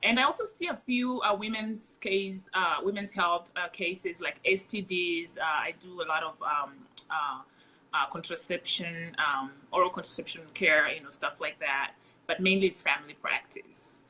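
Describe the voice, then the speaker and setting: A woman's voice: lowish voice, normal speed, bright, forceful tone, slight background noise, rough recording. A woman with a Kenyan accent, a nurse practitioner, chatting as a guest on a casual livestream interview and laughing easily.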